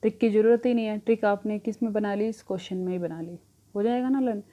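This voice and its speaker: A woman's voice: medium pitch, steady tone, quick pace, phone-quality sound. A young woman teaching current affairs, asking questions and answering them herself, with rhyming memory tricks. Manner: asks a question, then answers it herself, repeating.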